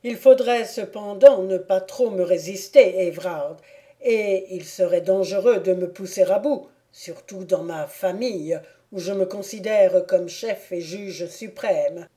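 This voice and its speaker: A woman's voice: on the low side, warm tone. Woman reading as a stern old aristocratic count. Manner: measured, persuasive, gravely solemn. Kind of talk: audiobook character reading.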